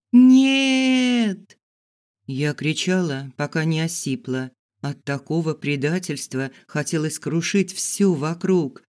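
A man reading an adventure story aloud, narrating in the first person with measured, expressive storytelling. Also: fairly high pitch. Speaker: audiobook reader.

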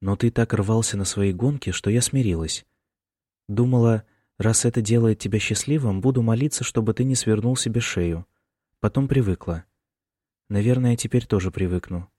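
A man voicing an anxious middle-aged mother who speaks quietly and with strain. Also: fairly low pitch, moderate pace, no echo, clean studio sound, lightly acted. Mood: worried, reproachful.

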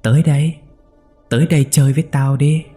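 A man's voice: on the high side, fairly even intonation, fairly quick, mellow, soft background music, pitched above the performer's own voice, lightly acted. Man putting on a drowned ghost boy's voice. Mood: luring. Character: ghost of a drowned village boy, vengeful.

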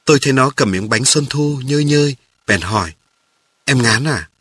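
A man calmly narrating a memoir aloud in a measured storytelling voice. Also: mid-range voice, breathy edge, no echo, studio quality.

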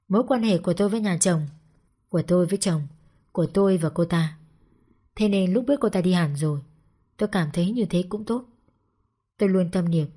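Female storyteller, first-person narration, sorrowful and reflective, warm mellow tone. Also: on the low side.

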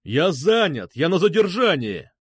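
A man reading an audiobook, voicing a curt, gruff male police officer in the middle of an arrest. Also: fairly high pitch, sing-song, measured pace, no echo, studio quality, voice pushed up, full character voice. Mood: curt barking. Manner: curt, barking.

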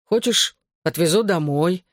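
Teen boy, big and friendly, gruff concern, read by an audiobook narrator, dry. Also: mid-range voice, measured pace, no echo, lightly acted. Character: friendly burly male teen schoolboy. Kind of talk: audiobook dialogue reading.

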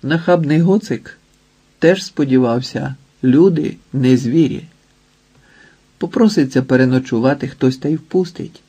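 Husky male audiobook narrator. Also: mid-range voice, measured pace, warm tone. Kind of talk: scripted literary narration.

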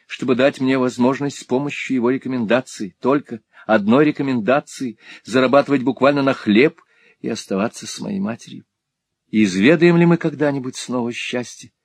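Man voicing proud young woman, earnest, softly firm, dry sound. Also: mid-range voice, normal speed, dry recording, pitched above the performer's own voice, lightly acted.

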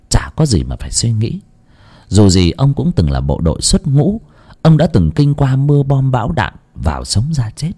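A man's voice: medium pitch, dark tone, breathy edge. A man narrating a ghost story in a dramatic storytelling manner.

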